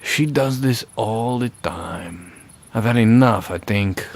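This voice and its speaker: A man voicing a vain male movie star in a game who drops Spanish words into his talk, with a husky, gravelly voice. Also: fairly low pitch, slow pace, heavily acted. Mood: lazy boastful. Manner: sprinkles Spanish words, lazy drawl. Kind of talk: game voice acting.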